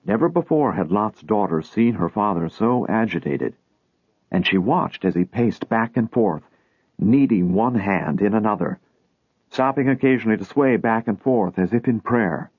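A man reads a storybook aloud in a measured, low, husky voice. The sound is narrow and tinny like a phone line, and dry with no room around it. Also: animated, dry recording. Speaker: narrator. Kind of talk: storybook reading.

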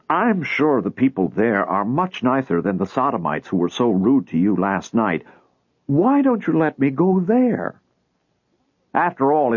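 A man's voice: medium pitch, husky, dry recording. A pleading, wheedling old bargainer, as a man puts him on. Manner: pleading, persuasive. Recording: tinny phone-like dry recording.

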